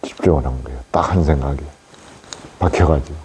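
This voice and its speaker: A male Buddhist monk giving a plain, unhurried dharma talk on meditation to lay listeners, with many fillers and tag questions. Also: rumbling low, darkish tone, slightly rough, low-quality recording.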